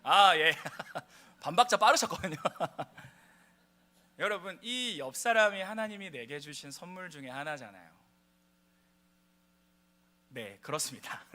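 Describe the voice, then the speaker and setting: A man's voice: on the high side, sharp tone. A young man preaching a sermon in a church, asking the congregation questions and answering them himself. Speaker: pastor. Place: church sanctuary.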